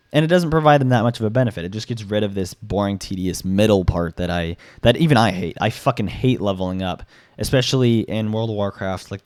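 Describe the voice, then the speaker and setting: A hoarse young man giving his opinion in a casual vlog, rambling with many fillers and restarts and the odd swear. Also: fairly low pitch, darkish tone, no room sound, studio quality. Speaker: gaming YouTuber.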